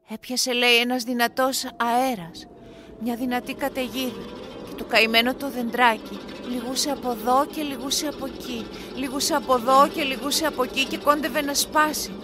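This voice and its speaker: Expressive woman telling a fairy tale over guitar. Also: high voice. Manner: expressive, lilting storytelling. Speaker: storyteller. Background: guitar music.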